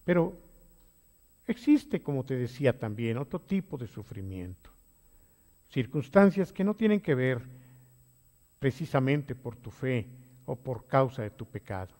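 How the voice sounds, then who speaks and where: A man leading a Bible study as a pastor, swinging between quiet low phrases and loud emphatic exhortations. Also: big pitch swings, unhurried, pauses often, long reverb tail. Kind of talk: sermon-style Bible study.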